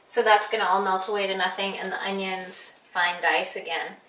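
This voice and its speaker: A woman's voice: mid-range voice, steady tone, normal speed, a bit bright. A woman giving a casual cooking demonstration in a home kitchen, chatting through each step with practical tips. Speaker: guest cooking teacher. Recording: roomy kitchen audio from a distant mic.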